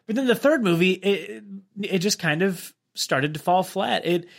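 A man's voice: high-pitched, expressive, a little slow, vocal fry. A man co-hosting a movie podcast in casual, agreeable chat with plenty of fillers. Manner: chatty, agreeable, many fillers. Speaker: podcast co-host.

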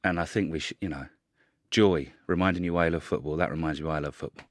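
A man's voice: a bass voice, steady tone, fast, no echo, studio quality. A man on a podcast panel, chatting casually and playing co-commentator on football.

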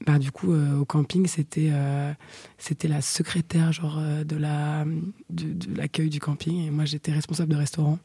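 A young woman chatting frankly into a close mic, her voice husky and breathy, often sinking to a half-whisper between fillers. The tone is dark and mellow, and the room sounds dry and dead. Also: low-pitched, flat delivery, normal speed, dry recording. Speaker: storyteller guest. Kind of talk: casual chat, personal anecdote.

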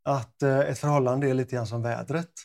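A man with a gravelly, creaky voice co-hosts a podcast in casual chat. He banters playfully with his partner and keeps his voice at a medium pitch. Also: fairly even intonation, darkish tone. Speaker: podcast co-host.

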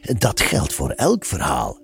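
Narrator as a serene, riddling storyteller, deep and gravelly, in no hurry. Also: male voice, huge pitch swings, takes it slowly, exaggerated voice. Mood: patient. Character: calm, enigmatic storyteller man, always smiling.

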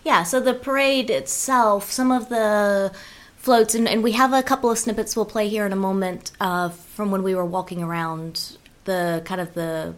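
A woman's voice: medium pitch, steady tone, moderate pace. A woman co-hosting a show in an informal, conversational style. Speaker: podcast co-host. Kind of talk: casual chat.

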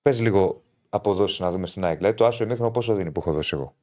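A man co-hosting a casual sports betting chat, animated and teasing, often talking over the others. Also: low-pitched. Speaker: podcast co-host.

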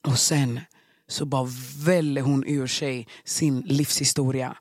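A young adult man telling a story in casual, animated chat and laughing often. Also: medium pitch, dry recording, clean studio sound.

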